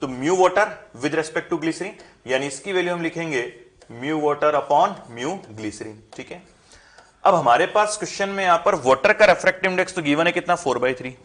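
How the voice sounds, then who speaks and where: A man's voice: on the high side, expressive, moderate pace, fairly bright tone. A young man teaching a physics lesson, posing questions to the class and answering them himself. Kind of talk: classroom lesson explaining at a board.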